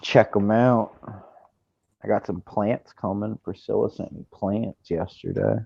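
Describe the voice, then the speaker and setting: A streamer in his thirties talks casually on a gaming headset, laid-back and rambling with fillers. His lowish, husky voice has vocal fry, fairly even intonation and a measured pace, captured without echo in dull lo-fi stream audio.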